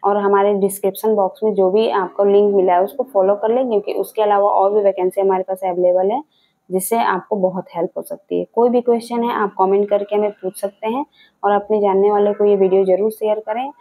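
A woman's voice: mid-range voice, fairly even intonation, fairly quick, mellow, poor audio. A young woman from India hosting a job vacancy channel, explaining the details to camera and repeating the key points, recorded indoors on a clip-on mic. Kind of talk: informational video talk to camera. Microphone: clip-on mic seen on scarf.

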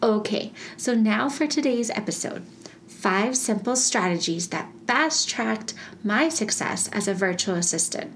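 A woman's voice: medium pitch, lively intonation, measured pace, slight background noise. A woman hosting her own podcast in a bubbly, chatty way, laughing often as she talks to listeners. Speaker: podcast host. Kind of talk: casual solo podcast.

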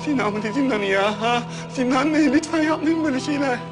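High-voiced whiny man in a comic sketch. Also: a little fast. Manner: whiny, pleading and wheedling. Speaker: comedy sketch lead. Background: loud background music.

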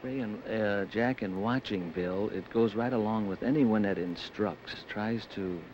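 A man giving color commentary on a televised bowling match, halting and rambling with fillers, on an old hissy broadcast recording. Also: lowish voice, darkish tone, highs cut off.

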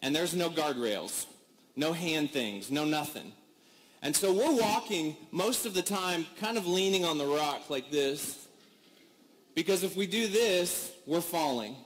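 A man giving a commencement speech, telling a story in an animated, comic way and acting out the people in it. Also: a little high, measured pace. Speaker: commencement speaker.

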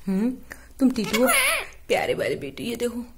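A woman's voice: a little high, expressive, moderate pace, very noisy. A woman talking casual baby talk to her pet parrot, coaxing and sing-song, laughing often, filmed on a phone at home. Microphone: phone camera.

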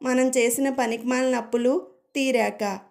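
A woman's voice: a little high, fairly even intonation, unhurried, creaky, a little mellow. A woman reading the lines of a grumbling husband who mocks his wife's chatter. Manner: mocking complaint.

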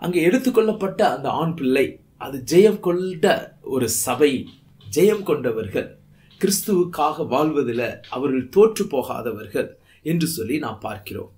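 A man's voice: on the high side, expressive, moderate pace, darkish tone. A man preaching a Bible study sermon in Tamil, reading verses aloud and stressing points with rising emphasis. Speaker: pastor.

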